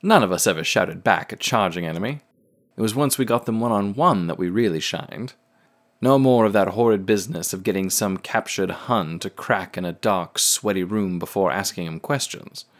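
Man playing a wry war veteran, old-fashioned phrasing, low voice, letter-reading narration. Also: moderate pace. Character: wry male war veteran, heir to a family firm. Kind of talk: radio drama narration.

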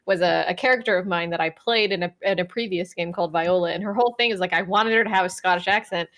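A woman's voice: on the low side, fast, fairly bright tone. A woman player in a casual chat, rambling and giggly.

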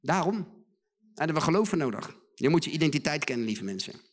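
A man's voice: fairly high pitch, big pitch swings, brisk. A middle-aged man preaching a sermon in a church hall, emphatic, repeating phrases and acting out the voices he quotes.

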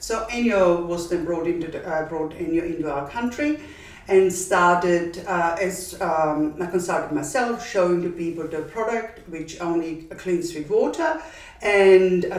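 An older woman with an Austrian accent recounts how her business began, pausing often on "um" and "uh" and circling back mid-sentence. She is recorded a little way off the microphone in an echoey room, so her voice carries a roomy tail. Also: lowish voice. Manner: hesitant, many fillers and restarts. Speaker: business founder. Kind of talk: interview storytelling. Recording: echoey room, distant mic.

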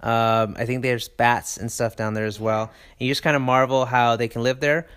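An enthusiastic man recounts a trip in a loose, rambling way, full of fillers and restarts. His voice is smooth and clear and sits at an ordinary pitch. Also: steady tone, normal speed, fairly bright tone. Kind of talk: casual travel chat.

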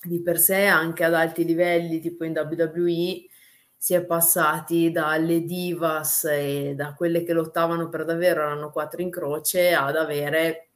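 Female, quite low register; frank, slangy interviewee in casual conversation. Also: little pitch movement, unhurried. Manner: informal, blunt, slangy. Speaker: wrestler and guest.

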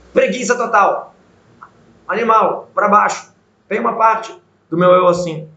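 Brief: male religious teacher, slightly high voice, chatty lesson, echoey lo-fi recording. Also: fairly bright tone. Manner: informal, rhetorical questions, acts out voices. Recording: echoey, dull lo-fi sound.

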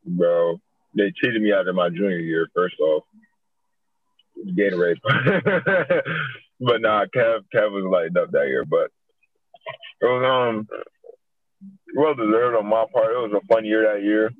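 A man's voice: fairly low pitch, unhurried, pauses often, breathy edge, dry recording. A young man from upstate New York, a basketball player talking as a guest in a casual interview, laid-back and slangy. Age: young adult. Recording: dry, tinny phone-like line.

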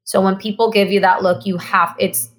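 This podcast guest, a Mexican woman who grew up speaking Spanish, talks earnestly in a casual conversation, restarting often and repeating phrases for emphasis. She keeps a medium pitch with little movement and speaks at normal speed.

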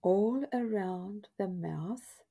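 Very slow, dark, hushed woman guiding relaxation. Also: mid-range voice, gravelly. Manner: soothing, hushed, drawn-out phrases with pauses. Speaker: guided relaxation narrator. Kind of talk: scripted guided body scan meditation in a soft, breathy half-whisper.

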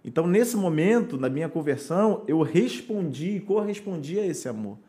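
A man's voice: fairly high pitch, sing-song, normal speed, mellow. Earnest Brazilian pastor telling his testimony. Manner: earnest, preacherly storytelling. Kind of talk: podcast testimony.

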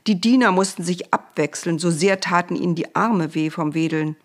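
A woman reading a Bible story aloud for children in a calm, plain storytelling manner. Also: on the low side, moderate pace.

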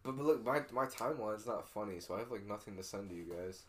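A man's voice: lowish voice, animated, quick pace. A young man co-hosting a podcast, chatting casually and laughing often. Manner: laid-back, laughs often. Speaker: podcast co-host. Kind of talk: casual chat.

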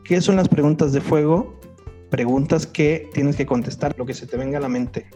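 This is a man with a Mexican accent hosting a casual podcast, playful and animated. His voice sits a little high for a man. Clear background music runs under the talk. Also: normal speed. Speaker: podcast host.

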